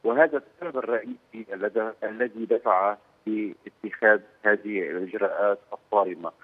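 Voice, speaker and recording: Man on a poor, tinny phone line. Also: fairly low pitch. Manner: hesitant, pauses to search for words. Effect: poor-quality phone line. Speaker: political analyst. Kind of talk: phone interview on a news program. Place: Beirut, by phone.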